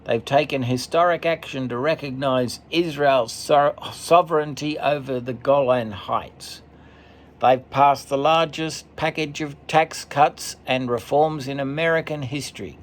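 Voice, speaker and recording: A man commentating as he reads a list off a screen, steady, with occasional stumbles and asides. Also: medium pitch, measured pace, a little hiss or hum. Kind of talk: reading from a screen, casual commentary.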